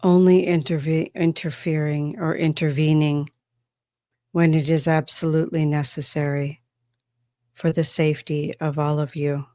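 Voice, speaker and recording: A woman channeling a calm extraterrestrial spokesperson from Andromeda, speaking in a measured, solemn, formal way. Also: low-pitched, dry recording, clean studio sound. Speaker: trance channeler. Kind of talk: trance channeling.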